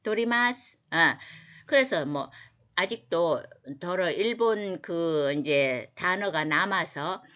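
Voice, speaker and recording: Lady teacher going slow through bible phrases word by word, repeats them, kinda dull audio. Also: on the low side, a bit bright. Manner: repeats phrases slowly for learners. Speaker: language teacher. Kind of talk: scripture language lesson explained word by word.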